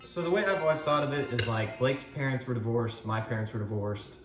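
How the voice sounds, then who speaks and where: A man's voice: medium pitch, brisk. A man in his twenties co-hosting a casual chat, telling stories in a laid-back, rambling way. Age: 20s. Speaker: vlog co-host. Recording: roomy echo, faint music behind. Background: faint background music.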